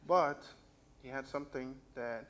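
Speaking a little slowly in a mid-range voice with some brightness, a young man preaches on a church sanctuary stage, telling his personal story and reading scripture with genuine feeling. His stand mic at the pulpit and the far camera pick up a slight hiss or hum.

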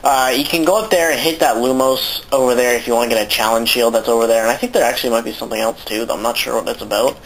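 A man's voice: medium pitch, fairly even intonation, fast talker, hardly any pauses, slight background noise, poor audio. A man with a sore throat giving rambling, casual commentary while playing a video game, swearing often. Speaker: let's play commentator.

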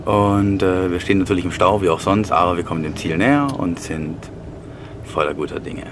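This man in his thirties has a low voice and talks a little fast, tossing short, wry remarks to his handheld camera. As a fitness vlogger and bodybuilding competitor, he films at arm's length while traveling by train, taxi, street, hotel and gym, and loud ambient noise fills the recording.

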